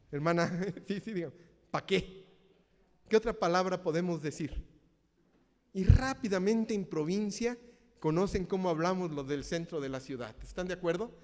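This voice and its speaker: A man's voice: high voice, darkish tone, big-room sound. A male minister with a Mexico City accent preaching a sermon, often turning to ask the congregation questions. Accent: Mexico City Spanish. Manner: interactive, asks congregation questions.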